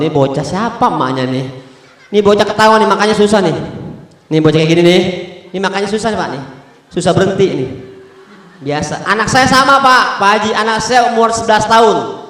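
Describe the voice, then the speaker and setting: A man's voice: very high-pitched, fairly bright tone. A middle-aged man with a Betawi Jakarta accent gives a humorous sermon, joking with the congregation and chanting Arabic verses. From Jakarta, Indonesia. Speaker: preacher. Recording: very echoey hall with long reverb.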